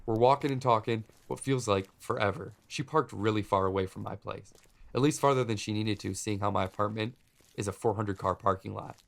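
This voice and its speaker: Gravelly-voiced man telling a wry story. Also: fairly low pitch, a little fast. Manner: wry, deadpan comic storytelling. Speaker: podcast host. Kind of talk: storytelling narration.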